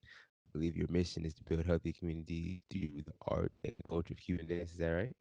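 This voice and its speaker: A man's voice: deep voice, level tone, fast talker, gravelly, warm tone, dry recording, lo-fi sound. A man hosting a podcast, interviewing guests over a video call in a laid-back, casual way.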